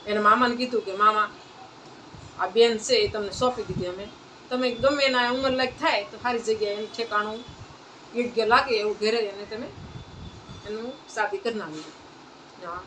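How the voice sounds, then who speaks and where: With a mid-range, fairly bright voice, a woman tells a saint's life story to a satsang gathering. Her delivery is plain and folksy, returning to the same phrases, as a devotional storyteller would. Faint ambient noise comes through on the distant mic.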